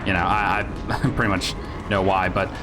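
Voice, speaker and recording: A man with a fairly low voice grumbles like a crotchety old man through a casual gaming rant. He rambles, swears freely and sounds sardonic, with music clearly playing behind him. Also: steady tone, normal speed, rough recording. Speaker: video game reviewer.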